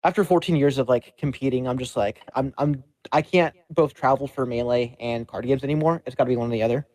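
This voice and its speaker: Guy in his 30s, soft mellow customer service voice, casual interview chat, dry close sound. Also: medium pitch, fast talker, no echo. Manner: speaks in a practiced customer service voice as his normal register. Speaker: competitive game player being interviewed after winning a tournament.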